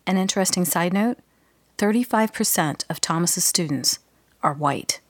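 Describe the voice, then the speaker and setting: Low-voiced woman reporter narrating. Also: normal speed, dry recording. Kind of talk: scripted narration.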